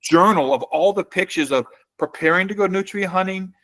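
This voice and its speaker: Relaxed middle-aged man. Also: high-pitched, fairly quick. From New Orleans, Louisiana. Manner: relaxed storyteller, many fillers and restarts. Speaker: company CEO and guest. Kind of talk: casual podcast interview.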